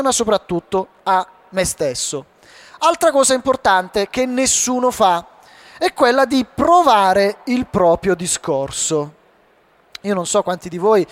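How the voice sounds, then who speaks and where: Lively high-voiced man coaching an audience. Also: no room sound. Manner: animated, rhetorical questions to the audience. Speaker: public speaking coach. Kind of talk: live talk to an audience. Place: hall before a live audience.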